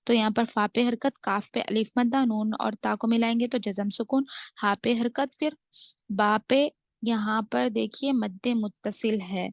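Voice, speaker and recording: A woman with an Indian Urdu accent teaching tajweed, explaining the rules step by step and reciting verses in slow, drawn-out phrases. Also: on the high side, creaky, no room sound. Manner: methodical, drawn-out recitation between brisk explanations. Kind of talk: tajweed lesson, explaining then reciting slowly.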